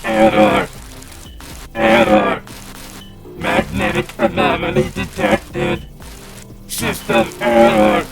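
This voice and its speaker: Glitching robot, a woman putting it on, crackly gravelly fry, slow clipped words, loud music behind. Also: medium pitch, fairly even intonation. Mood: malfunctioning. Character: glitching malfunctioning security robot. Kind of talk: comedy podcast sketch.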